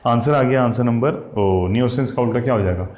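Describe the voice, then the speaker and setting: A man's voice: medium pitch, a little fast, a little mellow. A man teaching exam vocabulary, who spells out words letter by letter and keeps checking in with his students. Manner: addresses students as "साथियों" and "भैया". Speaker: English teacher. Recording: echoey room with faint ambience.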